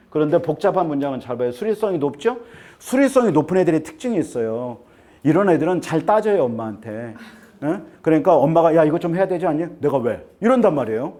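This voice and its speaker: A man talks to a room of parents about school choice and admissions. His voice sits a little high and moves around a great deal. He jokes with the crowd and keeps checking that they agree with him. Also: mellow. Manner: joking, chatty, keeps asking the audience to agree. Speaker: admissions consultant giving a talk to parents. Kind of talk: lecture to parents. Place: seminar room with an audience.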